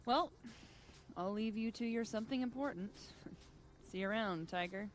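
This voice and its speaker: A woman's voice: medium pitch, moderate pace, close to an everyday voice. An actress playing a breezy, teasing young woman in a video game.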